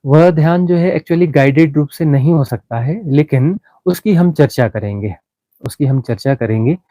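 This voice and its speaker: Male meditation teacher, mellow dry voice, unhurried explanatory talk. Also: medium pitch, no room sound, rough recording. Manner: unhurried explaining with many restarts and fillers.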